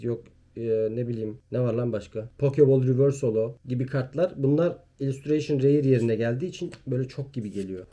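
A young man chats his way through a card pack opening, reeling off card names and muttering jokes to himself. His voice is very dark and mellow at a middling pitch. Card wrappers crinkle behind him. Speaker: YouTuber opening trading card packs. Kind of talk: casual pack-opening commentary.

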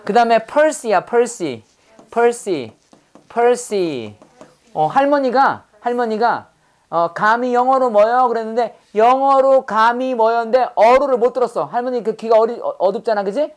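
Lively woman drilling English words. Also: fairly high pitch, measured pace. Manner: lively, playful, tells pun stories and acts out quoted voices. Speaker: English teacher. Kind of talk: classroom vocabulary lesson with call-and-repeat drills.

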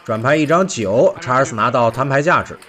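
Lively man giving poker commentary. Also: medium pitch, a little fast, a little hiss or hum. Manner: animated, with rhetorical questions and exclamations. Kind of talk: recorded highlight commentary voice-over.

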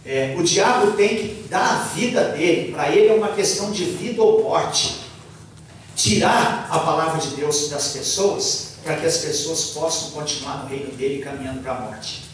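A man interpreting a sermon phrase by phrase, with halting restarts and fillers, on a handheld mic in a church hall. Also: on the high side, slight background noise. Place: large church hall, indoors. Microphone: handheld mic, filmed by far camera. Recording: echoey hall from far off.

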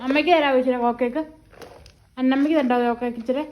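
A woman's voice: high-pitched, steady tone, racing, dull audio, a little hiss or hum. A mother at home talking to her toddler in coaxing, teasing baby talk full of repeated questions.

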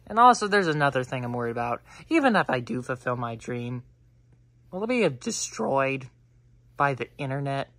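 A low-pitched woman rambles through a comedic monologue with a bright, sharp tone. Her pitch leaps around freely. She interrupts herself often and swings between mumbling and sudden loud bursts. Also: very animated, moderate pace, no room sound. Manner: rambling and self-interrupting, jumping between mutters and loud outbursts.

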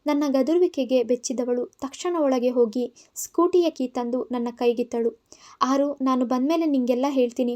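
A woman narrating a first-person audio story in an expressive, heartfelt reading. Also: high-pitched.

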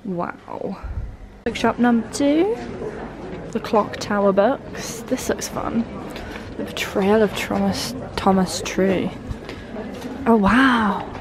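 A young woman talks slowly and chattily into a handheld camera as she wanders through shops, often slipping into a soft whisper. The audio is noisy, with clicks, in the way of casual vlog footage. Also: mid-range voice. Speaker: vlogger. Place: shops in a small town, indoors and out.

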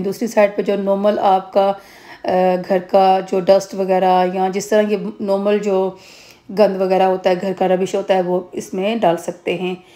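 Woman from pakistan, 30s, chatty home vlog, mellow flat voice, phone cam at home. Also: medium pitch. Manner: chatty and rambling, with many fillers and restarts. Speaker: vlogger. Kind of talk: casual home vlog chat. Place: home, indoors. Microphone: phone camera held close.

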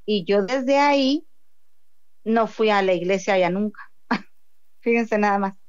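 Speaking slowly in a clean, medium-pitched voice, a Mexican-accented woman tells the heartfelt story of her faith, often breaking off to restart sentences. The audio is lo-fi.

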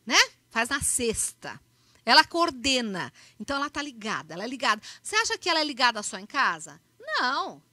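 A woman with a Brazilian accent gives an animated motivational talk, acting out little dialogues as she tells her stories. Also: on the high side, fairly quick, no echo. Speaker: speaker.

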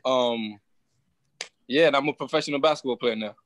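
A man's voice: medium pitch, normal speed, no room sound, poor audio. A young man from New York answers interview questions on a phone video call. He talks steadily and plainly. The sound is close and dry. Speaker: professional basketball player, panel guest.

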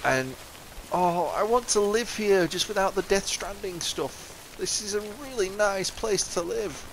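High-voiced and a little slow, a gaming channel host from England talks in a South Yorkshire accent over faint game music. His let's-play commentary is casual, rambling and chatty, full of laughs and self-corrections. The voice is a bit bright, and the rough recording has slight background noise.

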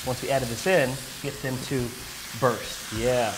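A man's voice: mid-range voice, steady tone, unhurried, noisy background. A man in his thirties hosting a cooking show, giving upbeat step-by-step directions to a guest in a home studio kitchen. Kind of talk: instructing a guest while cooking.

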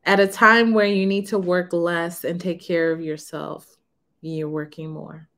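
Woman, 30s, vlogger, lowish voice, frank, unhurried, small room. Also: little pitch movement, fairly bright tone. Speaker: vlogger on renting. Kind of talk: casual talk to camera. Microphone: camera in front of her.

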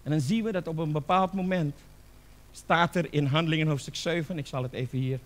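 An older man preaching a church sermon, rising and slowing for emphasis on key phrases. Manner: rises in pitch and volume for emphasis, slows on key phrases.

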